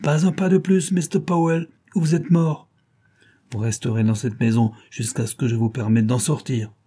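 A man's voice: fairly low pitch, flat delivery, fairly quick, dark tone, breathy edge. A man voicing a scheming clubman villain who talks in an urgent, pushy way. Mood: threatening.

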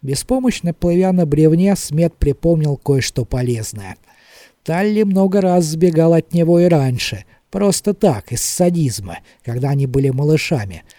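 A man narrating an audiobook in a measured, expressive reading. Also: a little high, dry recording, clean studio sound. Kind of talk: scripted narration.

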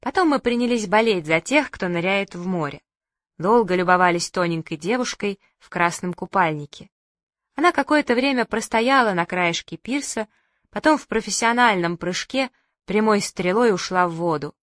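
A woman reading a lively humorous story aloud as an audiobook narrator. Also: mid-range voice, normal speed, dry recording, studio quality. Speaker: audiobook reader. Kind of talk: scripted narration.

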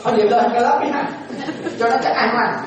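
Vietnamese monk preaching in an echoey hall. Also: male voice, very high-pitched, quick pace, crowd noise. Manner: asks the audience questions, plays out little dialogues. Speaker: Buddhist monk teacher. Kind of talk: dharma talk to lay followers. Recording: echoey room, voice far from the mic.

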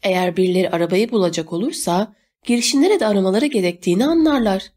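A woman voicing a brisk, commanding adult male guide in an audiobook, giving urgent orders. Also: medium pitch, animated, mellow, close to an everyday voice. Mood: insistent. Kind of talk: audiobook character voice.

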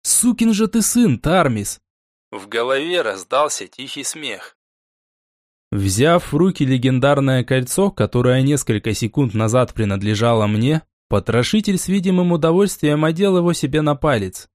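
A man narrating a fantasy audiobook in the first person, with steady, even storytelling. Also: medium pitch, normal speed, no room sound, studio quality.

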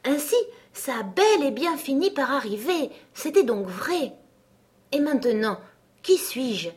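A woman's voice: medium pitch, lively intonation, normal speed, natural voice. A woman voicing Alice, a curious, somewhat timid young girl, thinking aloud in a searching, puzzled way. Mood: earnest.

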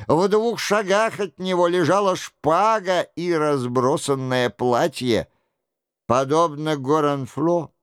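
A man narrating an audiobook in a measured, even reading. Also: high voice, smooth, dry recording, clean studio sound. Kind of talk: scripted narration.

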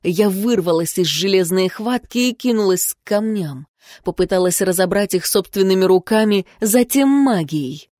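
A woman's voice: medium pitch, lively intonation, normal speed, mellow, no echo, clean studio sound. A woman narrating an audiobook in the first person, reading expressively.

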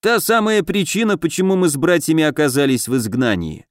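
A shrill, agitated mayor calling through a magic amulet in an audiobook fantasy, his voice pushed well above its normal range, as a man puts him on. Close, dry reading. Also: lively intonation, a little fast, no room sound, natural voice. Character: exiled older male town mayor over amulet.

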